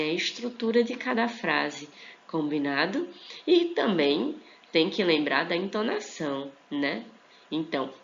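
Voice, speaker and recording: A woman teaching English in a casual online lesson. She talks from home at night, explains slowly, repeats example phrases and checks in often with her students. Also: sits low, creaky. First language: Portuguese. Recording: dull lo-fi sound with faint hiss.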